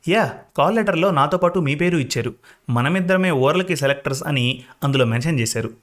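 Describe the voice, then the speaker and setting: A man voicing a calm, self-assured young male job candidate who speaks casually and easily. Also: on the high side, fairly quick. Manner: easygoing, casual with English words.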